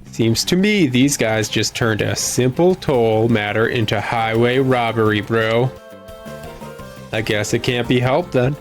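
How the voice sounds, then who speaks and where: A man's voice: medium pitch, measured pace, faint music behind, natural voice. A man voicing a swaggering, slangy bandit henchman from a video game, a dim thug. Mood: threatening. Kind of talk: video game dialogue read aloud.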